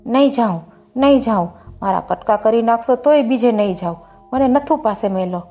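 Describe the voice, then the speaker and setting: A woman's voice: fairly high pitch, expressive, moderate pace, mellow, soft background music, natural voice. A woman doing a desperate young bride. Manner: pleading, desperate. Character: heartbroken young village bride, pleading.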